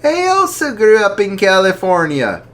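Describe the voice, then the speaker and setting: A male storyteller, at normal speed, does a full character voice for a tall, jolly older archbishop who speaks kindly and gently. He pitches it far above his own voice, with wildly swooping intonation.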